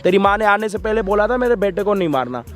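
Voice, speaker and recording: A high-pitched man hosts a street video, lecturing and scolding in a preachy way. Faint music plays behind him. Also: expressive, fast. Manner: preachy, scolding, addresses viewers as brothers. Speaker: prank and social video host. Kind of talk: emotional street-video presenting.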